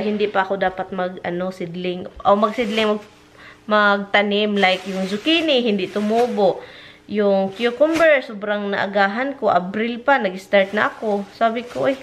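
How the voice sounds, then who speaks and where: A woman casually vlogging from her home, mixing Tagalog and English as she chats about her garden and cooking. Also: poor audio. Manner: mixes Tagalog and English, chatty, talks to her dogs in a high sing-song baby voice. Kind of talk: casual home vlog chat.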